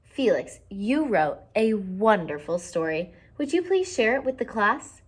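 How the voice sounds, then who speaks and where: Woman as a gentle storybook schoolteacher. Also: medium pitch, big pitch swings, a little slow, slightly rough. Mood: kind, encouraging.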